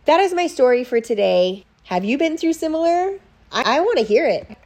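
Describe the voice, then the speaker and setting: A woman's voice: sits high, very animated, a little mellow. Podcast host, woman, 30s; raw confessional monologue, swears freely, restarts, near tears. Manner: emotional, profane, halting with restarts. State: close to tears. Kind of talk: personal storytelling monologue.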